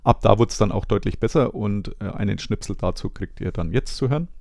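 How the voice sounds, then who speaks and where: A man's voice: fairly low pitch, brisk, creaky, darkish tone, dry recording. A man hosting a show, recounting an event in a wry, conversational storytelling manner. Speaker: podcast host. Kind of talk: recap narration. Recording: dry close recording.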